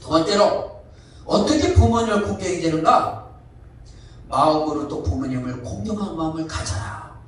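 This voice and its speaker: A man's voice: on the high side, animated, moderate pace, pauses often. A male pastor preaching a sermon, emphatic and often asking the congregation questions. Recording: echoey hall from far off.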